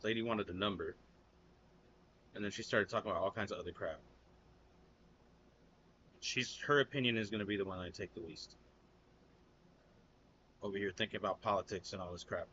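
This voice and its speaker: American man, fairly low voice, casual reaction host, blunt and loose, slightly dull lo-fi sound. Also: a little fast, pauses often, pushed and bright, a little hiss or hum. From United States. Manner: loose and blunt, calls viewers "man" and "dude".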